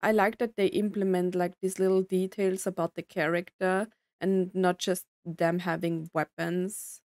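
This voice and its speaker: Over game trailer music and audio, a young adult woman reacts with casual enthusiasm, dropping interjections such as "mm-hmm" as the host of a reaction video. Her voice is on the low side and a little mellow, level in tone and unhurried. The sound is clean studio audio with no echo.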